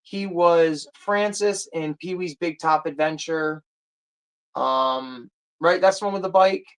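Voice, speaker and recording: Chatting casually on a livestream, the host responds to viewer comments in a rambling, wandering way, stopping to hunt aloud for a name or title. The voice is mid-range, clear and resonant.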